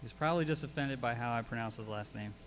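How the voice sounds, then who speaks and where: A fast-talking man with a medium-pitched, fairly bright voice emcees a live meetup, joking at his own expense about mangling names as he introduces guests. Slight background noise can be heard.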